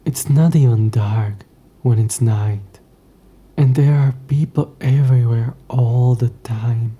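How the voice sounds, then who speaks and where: The haughty, possessive ancient demon of this scripted audio roleplay is voiced by a man at medium pitch, taking it slowly. He grumbles in disgust, his hushed, breathy delivery dry, formal and condescending.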